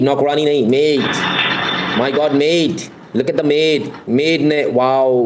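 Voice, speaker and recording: A man's voice: medium pitch, a little mellow, slight background noise. A middle-aged man hosting a live stream, talking to viewers in a mocking, sarcastic, chatty way.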